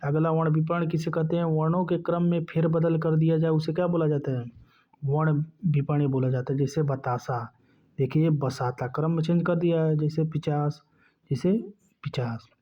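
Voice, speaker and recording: A man teaching a lesson at a slightly higher pitch than most men. He asks questions and answers them himself, checking in with his listeners over and over. The recording sounds dull and lo-fi. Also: little pitch movement, moderate pace. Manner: keeps asking and answering his own questions, repeating "ठीक ना". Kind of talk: classroom lecture.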